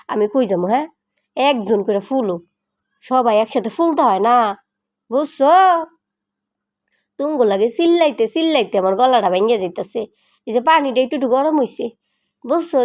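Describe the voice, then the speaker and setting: A woman's voice: high voice, darkish tone. A middle-aged woman with a colloquial Bangladeshi Bengali accent, chatting in a home vlog while cooking in her kitchen and playfully scolding and coaxing her cats. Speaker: pet vlogger.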